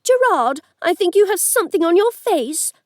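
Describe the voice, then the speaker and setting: A woman's voice: extremely high pitch, sing-song, normal speed, a little mellow, no echo, studio quality, pitched above the performer's own voice. A woman voicing a bold, furious young heroine who speaks sharply and cuttingly. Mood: fierce anger.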